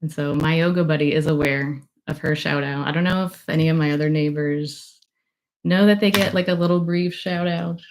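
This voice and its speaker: A young woman with a low voice and steady tone talks casually at a moderate pace on a livestream for her book launch. Emotional and gushing, she rambles through thank-yous with many fillers. The recording quality is low.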